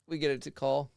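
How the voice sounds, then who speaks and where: A man's voice: fairly high pitch, vocal fry, fairly bright tone, smooth, dry recording, clean studio sound. A man co-hosting a podcast, chipping in with short, joking, casual asides. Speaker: podcast co-host. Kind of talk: casual chat.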